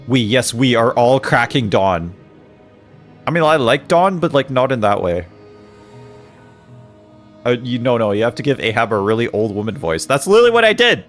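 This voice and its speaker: Young male streamer, excitable, jokey banter with chat, faint music under. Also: medium pitch. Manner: excitable, joking, talks back to chat. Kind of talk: casual live-stream banter.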